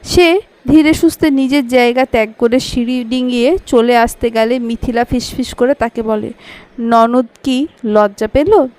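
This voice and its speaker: A woman narrating a Bengali audio story in a steady, expressive reading voice. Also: a little high, normal speed.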